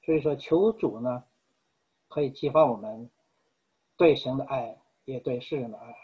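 Earnest male preacher, husky voice. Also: medium pitch, highs cut off. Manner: earnest, measured, with frequent pauses. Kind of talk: sermon.

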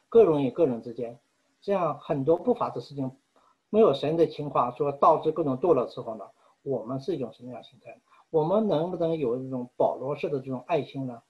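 Earnest male preacher, husky voice. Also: fairly high pitch, dull audio. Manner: earnest, measured, with frequent pauses. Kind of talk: sermon.

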